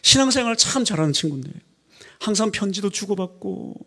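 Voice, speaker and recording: A male pastor delivering a Sunday sermon, his voice slightly husky and pitched a little high. He swings widely in pitch, telling stories and asking the congregation rhetorical questions. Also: fairly quick. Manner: animated storytelling, acting out quoted voices, rhetorical questions to the congregation.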